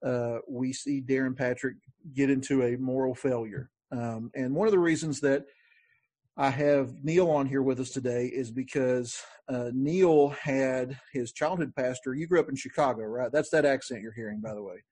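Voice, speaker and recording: A man hosting a podcast in a relaxed, conversational way, with frequent fillers and restarts. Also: medium pitch, moderate pace, slightly rough, dry recording. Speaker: podcast host. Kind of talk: casual podcast talk.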